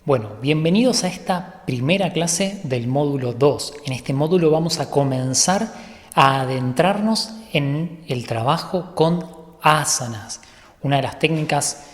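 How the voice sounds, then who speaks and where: A male yoga teacher giving an online course lecture, explaining calmly and methodically and sometimes correcting himself mid-sentence. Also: a little high, big-room sound.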